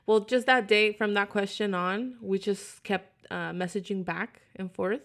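A woman's voice: medium pitch, fairly even intonation, unhurried, fairly bright tone. A woman hosting a podcast in casual chat, rambling and swearing freely as she tells a story. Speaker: podcast host.

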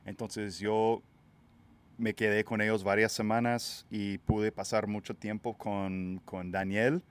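Speaking slowly in a fairly low, clean-toned voice, the podcast host is a man from Texas whose first language is English. Sitting outdoors by a pool, he keeps the chat casual, relaxed, and hesitant, with frequent fillers and restarts.

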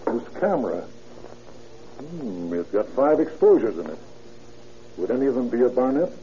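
A man's voice: medium pitch, very animated, normal speed, mellow, lightly acted. An actor playing a businesslike American police chief in an old radio crime drama, authoritative and methodical in his questioning. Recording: muffled, noisy old radio recording.

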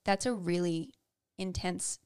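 A woman's voice: lowish voice, steady tone, slow, darkish tone, clean tone. A young woman co-hosting a podcast, candidly telling personal stories in casual chat. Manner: candid, personal storytelling with fillers. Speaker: podcast co-host.

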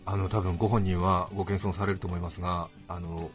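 A man's voice: low-pitched, flat delivery, a little fast, soft background music. A man hosting a podcast interview, attentive and answering with frequent short replies. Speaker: radio podcast host. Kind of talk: casual interview.

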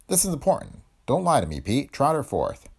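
A man voicing a hard-boiled, wisecracking male private detective, in a gravelly, husky voice. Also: medium pitch, huge pitch swings, brisk, voice pushed up, exaggerated voice. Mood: terse.

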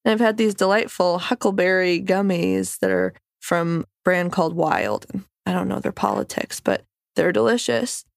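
A woman co-hosting a casual podcast while sick, her voice rough and gravelly. She rambles in a relaxed, stoned way, recorded dry and close to the mic. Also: fairly low pitch, moderate pace, no room sound. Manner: rambling, laid-back, stoned. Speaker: podcast co-host. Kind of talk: casual chat.

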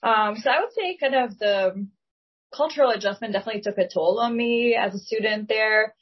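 Speaking English as a second language, a Lebanese woman appears as a guest in a conversational interview, reflecting in a thoughtful, careful way. Her voice sits on the high side and moves a little fast, captured on dull-sounding audio.

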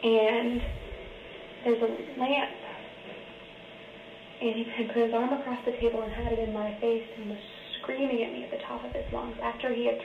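A woman in a police interrogation room, giving a halting, rambling account, heard from an old interrogation tape recording. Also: on the high side, vocal fry. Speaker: murder suspect under interrogation. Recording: roomy, muffled tape with hiss.

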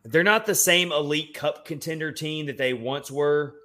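A man's voice: on the high side, moderate pace, pushed and bright. A man with a Southern Tennessee accent hosting a casual sports talk show. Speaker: sports podcast host.

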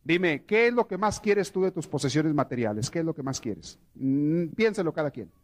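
A man's voice: on the high side, moderate pace. A man, a priest, teaching a prayer course to a live group, telling stories and asking his listeners questions. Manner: animated storytelling, asks the audience questions.

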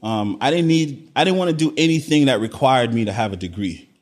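A young adult man from Miami, a podcast guest telling his backstory in relaxed conversation, often tagging his sentences with "right?". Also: medium pitch, a little fast. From Miami, Florida. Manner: laid-back, peppers speech with "right?". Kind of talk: casual conversation.

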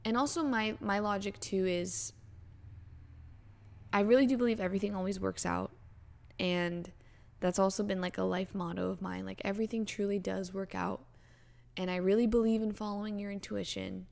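A woman's voice: mid-range voice, steady tone, moderate pace, creaky, darkish tone. A woman in her twenties hosting a casual solo podcast, talking earnestly and rambling with lots of "like" and "you know". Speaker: podcast host.

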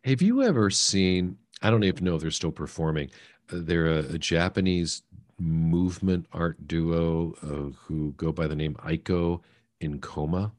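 A man hosting a podcast interview, talking in a relaxed conversational way with self-deprecating asides. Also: deep voice, a little slow. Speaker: podcast host.

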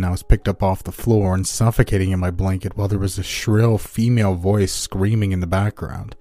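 A man with a very low, mellow voice narrates a scripted horror story. His delivery is measured and deliberate. The sound is dry, with faint music playing behind him. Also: dry recording. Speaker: narrator of listener-submitted scary stories. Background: background music.

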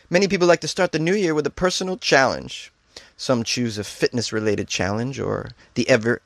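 With no room sound, a fairly bright, medium-pitched male voice belongs to a comedy host working through odd news stories. He reads them out, tosses in jokey asides of feigned disbelief, and chuckles at his own humor.

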